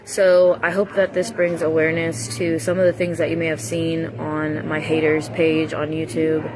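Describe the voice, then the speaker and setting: A woman's voice: sits low, monotone, moderate pace, crowd noise, rough recording. A young adult woman giving a rambling, confessional livestream monologue in a candid, emphatic and repetitive way, with blunt language. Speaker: livestream vlogger. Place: coffee shop, indoors. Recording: music playing behind the voice. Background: music.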